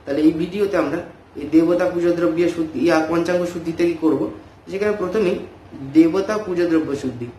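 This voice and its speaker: A man with a slightly high voice teaches a ritual method, moving between plain explanation and slow, steady chanting of verses and syllables. The recording is roomy and echoey, with a faint hiss of noise behind him.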